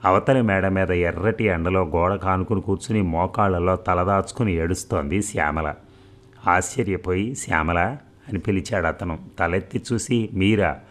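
Male narrator, deep and low, for a steady audiobook novel reading. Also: moderate pace.

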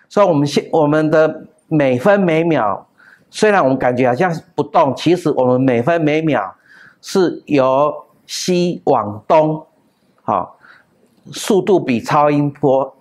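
A man giving a classroom lecture on classical texts, explaining step by step with drawn-out particles and sung example tones. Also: on the high side. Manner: explains with pauses, drawn-out particles, chants and hums sounds.

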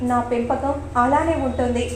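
A woman's voice: sits high, moderate pace, darkish tone, roomy sound, slight background noise, close to an everyday voice, poor audio. A woman voicing a stern, protective middle-aged father who questions his daughter firmly. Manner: firm, questioning.

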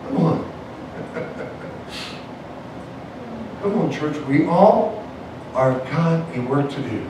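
A man preaching as a pastor, punctuating his lines with "amen" and calls to the church. He swings between soft, low passages and shouted, high climaxes. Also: animated, slow. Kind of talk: evangelical sermon. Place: church sanctuary, indoors. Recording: echoey church sound from far off, faint noise.

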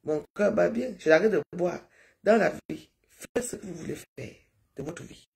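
A woman's voice: lowish voice, lively intonation, unhurried, vocal fry, mellow. A middle-aged woman from Cameroon, talking in a rambling, pleading live-stream monologue that repeats itself.

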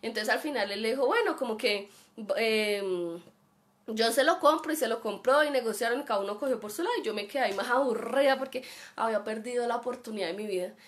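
A woman's voice: fairly high pitch, fast talker. A woman with a Colombian accent teaching an online class and telling a personal story, acting out the voices of the people in it. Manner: chatty, acts out voices in her story.

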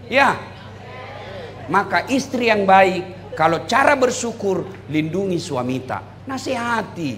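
A middle-aged Islamic preacher from South Sulawesi gives a humorous sermon in Makassarese-accented Indonesian. His voice is high for a man, and he is animated, teasing the crowd and often rising into shouts, over a faint hum of room noise.

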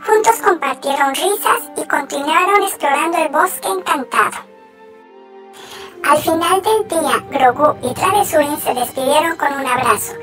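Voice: high-pitched, lively intonation, normal speed, fairly bright tone, far from the mic. A narrator reading scripted bedtime stories for young children. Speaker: children's story channel narrator. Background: music.

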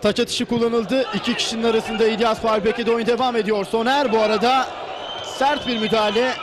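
A man's voice: very high-pitched, flat delivery, brisk. A man giving live play-by-play football commentary. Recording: noisy stadium broadcast with loud crowd. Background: loud crowd and stadium noise.

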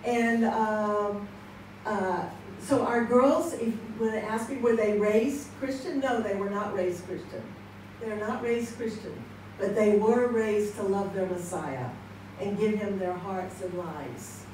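Speaking slowly in a mid-range, slightly mellow voice, an American woman in her sixties offers personal testimony as a conference speaker in a church hall with listeners. She chats, laughs frequently, and acts out quoted exchanges, seated with a handheld mic and filmed across the room; the recording is echoey, far off, and has background noise.

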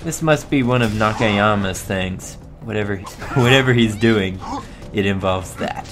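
A man's voice: lowish voice, measured pace, music in the background. A man giving casual, sweary gameplay commentary, chuckling and talking to himself as he plays. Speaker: let's play gamer.

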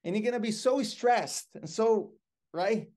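Over a video call from his home office, a fairly high-voiced middle-aged Brazilian, Portuguese being his first language, appears as an interview guest. He speaks in an unhurried way yet stays animated, expressive and full of gestures as he spins lively stories.

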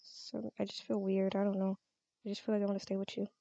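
A woman's voice: mid-range voice, completely flat delivery, quick pace, vocal fry, dark tone, dry recording, dull audio. A young woman playing her own character in a Minecraft role-play, talking in a stammering, giggly and flustered way into a close mic. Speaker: role-play channel host.

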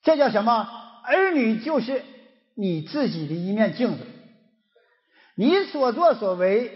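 Very high-pitched, animated Northeastern Chinese man. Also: unhurried. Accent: Northeastern Mandarin. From Northeast China. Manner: animated storyteller who acts out dialogue. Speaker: folk healer giving a lecture. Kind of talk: storytelling lecture. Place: lecture hall. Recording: dull lo-fi lecture recording with long hall reverb.

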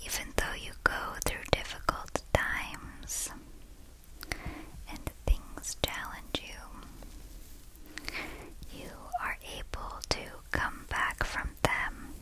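A woman gives a whispered ASMR pep talk of positive affirmations in a clicky, breathy whisper, repeating soothing, encouraging phrases. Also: poor audio. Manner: slow, repetitive, soothing encouragement. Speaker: ASMR host.

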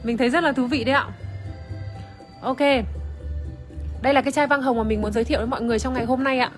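A woman's voice: high-pitched, steady tone, fast talker, faint music behind. A woman presenting wine on a phone livestream in casual chat, full of fillers and greeting viewers by name. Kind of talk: casual livestream product demo. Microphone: phone camera, iPhone.

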